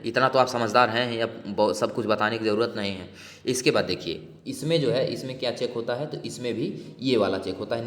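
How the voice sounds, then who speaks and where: A man's voice: mid-range voice, fairly bright tone. A man explaining medical tests to exam aspirants, reassuring them and often checking in as he goes. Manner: reassuring, repeats checks like "ठीक है". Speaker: exam prep instructor. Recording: echoey room with long reverb.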